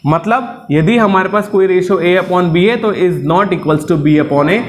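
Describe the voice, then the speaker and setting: High-voiced man teaching a lively, joking lesson. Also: slow. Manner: jokey, keeps asking "है ना?" and calls students "बेटा". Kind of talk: classroom lecture.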